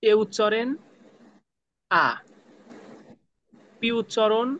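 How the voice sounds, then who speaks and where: A man with a Bangladeshi accent teaching a spoken English class over a video call, drilling pronunciation slowly, sound by sound. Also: high voice, sharp tone, highs cut off, slight background noise.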